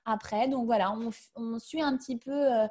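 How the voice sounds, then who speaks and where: A woman's voice: on the high side, fairly even intonation, moderate pace, dark tone. A woman guest on a webinar answering questions about her career change, talking casually with many fillers and restarts over a video call.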